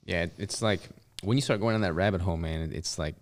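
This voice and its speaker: A man in his thirties hosting a podcast, chatting casually and agreeably with his guest, recorded on a boom-arm studio mic in a dark studio. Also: fast. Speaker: podcast host. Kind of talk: podcast conversation. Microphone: boom-arm studio mic with headphones.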